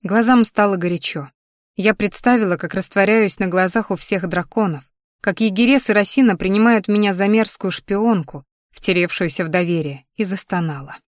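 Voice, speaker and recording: A woman narrating a first-person fantasy audiobook with an expressive, emotional delivery. Her voice sits at a middling pitch. The recording is dry and close. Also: moderate pace, no room sound.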